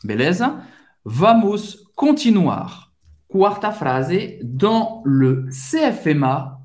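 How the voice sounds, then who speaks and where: A Brazilian teacher leads a language lesson at an unhurried pace. The teacher says each phrase several times over and stretches out the words with care. The voice rises and falls in a lively, expressive way. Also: medium pitch. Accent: Brazilian Portuguese. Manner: repeats phrases slowly and carefully for practice. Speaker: French teacher.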